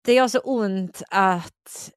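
A woman's voice: mid-range voice, clean tone, no echo, clean studio sound. A woman co-hosting a podcast in casual chat, telling stories bluntly and swearing freely. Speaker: podcast co-host.

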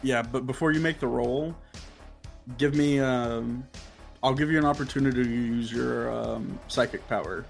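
A man's voice: mid-range voice, moderate pace, vocal fry, faint music behind. A man narrating as game master of a tabletop game, rambling and filling his sentences with "like". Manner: rambling, heavy use of "like".

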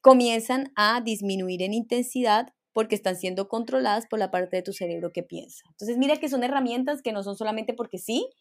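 A woman guest expert calmly explaining emotional skills in a podcast interview, laying out steps one by one. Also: fairly high pitch, brisk, few pauses. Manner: calm and instructive, lists steps.

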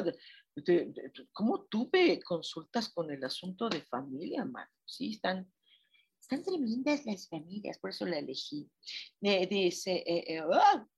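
A woman with a Mexican accent, a spiritual guide answering listener messages in a live reflective chat, asking gentle questions with frequent exclamations. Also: medium pitch, breathy edge. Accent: Mexican Spanish.

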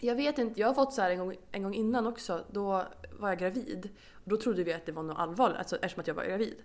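Young woman podcast co-host, chatty, storytelling, middle-pitched, quick to laugh. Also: a little mellow. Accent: Swedish. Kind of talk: casual chat.

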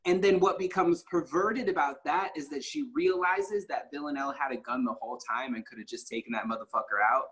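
A woman chatting casually about a TV series, animated and profane, stumbling over her words when excited. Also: deep voice, a little fast, hardly any pauses, poor audio.

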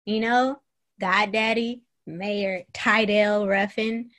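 A woman's voice: medium pitch, takes it slowly. A woman in her thirties co-hosting a podcast, recapping a TV show in casual, profane chat with lots of laughter. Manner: animated, laughing, profane storytelling. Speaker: podcast co-host.

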